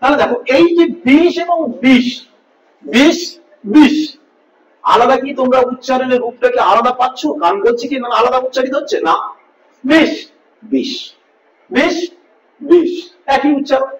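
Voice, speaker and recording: A man teaching grammar in a classroom style, repeating sample words slowly and quizzing his listeners. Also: very high voice, recorded from a distance, highs cut off. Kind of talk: classroom-style lesson with board writing. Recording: echoey room miked from afar, faint hiss.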